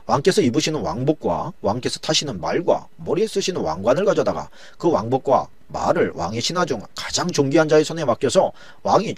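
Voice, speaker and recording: A man's voice: a little high, dry recording, pitched above the performer's own voice. A man voicing a scheming royal minister who fawns over the king and then pleads frantically for his life, in a dramatized Bible retelling.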